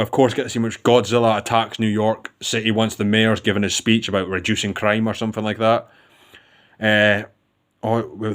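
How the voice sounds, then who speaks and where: A man's voice: lowish voice, a bit bright. A man giving a casual, rambling film review with enthusiasm, often restarting his sentences.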